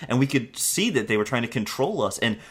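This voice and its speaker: Give me a male podcast co-host with a lively, swinging voice. He talks thoughtfully, building on what the guest says. His pitch sits in the middle range for a man. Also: a little fast, slightly rough. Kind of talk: casual interview chat.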